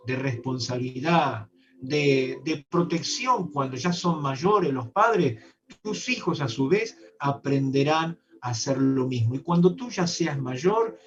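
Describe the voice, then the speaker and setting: A man preaching a sermon as a bishop, earnest and speaking straight to his listeners. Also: fairly high pitch. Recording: distant, dull online-meeting audio.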